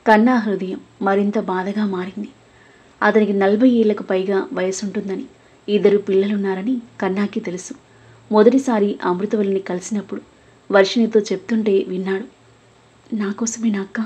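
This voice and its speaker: Husky-voiced woman narrating a story. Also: mid-range voice, fairly even intonation, normal speed, darkish tone.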